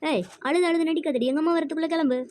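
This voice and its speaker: A woman's voice: high voice, dry recording, studio quality, close to an everyday voice. [name], a woman playing a snobbish rich schoolgirl. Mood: scornful. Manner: sharp, dismissive, quick talk. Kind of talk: church kids' skit acting.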